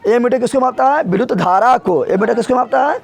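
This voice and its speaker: A man's voice: very high-pitched, a little fast, creaky. A man teaching a physics class, drilling his students with repeated questions. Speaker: tutor.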